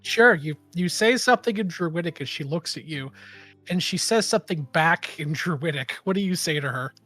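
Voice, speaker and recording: A man's voice: on the high side, lively intonation, normal speed, pushed and bright, faint music behind. A man working as game master, narrating a tabletop roleplaying game.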